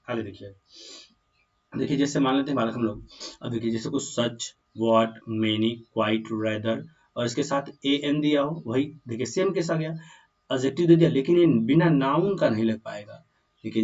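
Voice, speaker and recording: A man's voice: medium pitch, darkish tone. Hindi-speaking man teaching grammar, distant. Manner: keeps asking the class questions, calls students "बालक". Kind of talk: grammar lesson explained in Hindi. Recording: dull distant classroom recording.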